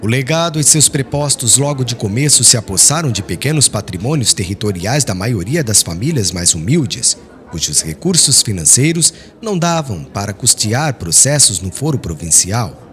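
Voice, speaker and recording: A male audiobook narrator gives a solemn, expressive and dramatic reading of a literary novel. His voice is mid-range and moves at a moderate pace.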